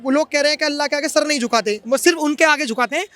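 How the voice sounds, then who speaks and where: A man's voice: extremely high pitch, very fast, sharp tone. A man doing a street interview, pressing people with insistent questions outdoors. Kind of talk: street vox-pop interview.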